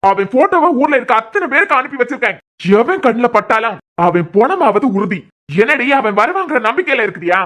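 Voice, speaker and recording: A woman's voice: on the high side, very animated, fast talker, fairly bright tone. A woman voicing a vengeful, jealous young man in a cartoon series, speaking with a Kanyakumari Tamil accent in a threatening, taunting way. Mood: menacing.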